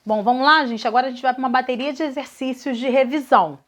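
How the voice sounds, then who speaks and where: Brazilian lady teacher, high voice, going through verb exercises, keeps asking "né?" to check everyone's following. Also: quick pace. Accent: Brazilian Portuguese. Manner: patient, explanatory, checks understanding with "né?" and "tá?". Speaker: Portuguese teacher. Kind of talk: recorded grammar lesson correcting exercises.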